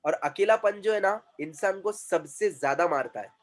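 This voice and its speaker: A man's voice: high-pitched, moderate pace. A male communication trainer, lecturing a class and often repeating himself and quizzing students.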